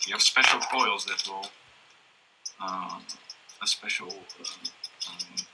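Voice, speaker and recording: A man explaining step by step how to prepare and solder a coil, talking hesitantly with many pauses and fillers. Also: sits low. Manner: hesitant, many ums and restarts, laughs often. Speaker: workshop presenter. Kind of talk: hands-on electronics demonstration. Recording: faint background noise and tool clicks.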